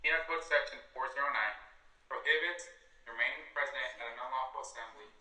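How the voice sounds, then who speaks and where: A man's voice booms out of a blasting sound cannon, harsh and piercingly bright as it reads a formal order in flat official tones. It rings from far off with a roomy echo, like a clip of a loudspeaker recorded outdoors. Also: a little fast. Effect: blaring outdoor loudspeaker announcement, sound cannon. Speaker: police dispersal announcer. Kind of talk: formal scripted warning. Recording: distant echoey loudspeaker played from a clip.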